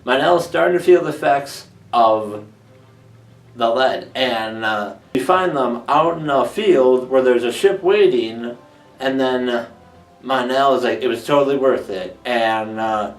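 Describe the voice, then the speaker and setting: A man casually recapping a TV episode, joking as he goes and slipping into quick voices for the characters. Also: medium pitch. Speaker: TV episode reviewer. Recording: roomy, distant mic with music underneath.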